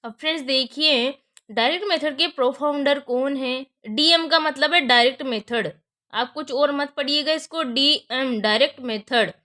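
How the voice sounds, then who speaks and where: A woman's voice: high-pitched, moderate pace, bright, forceful tone. A young woman with a Hindi accent giving an exam-prep lecture, posing questions to her students and answering them herself while repeating key terms. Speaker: teacher.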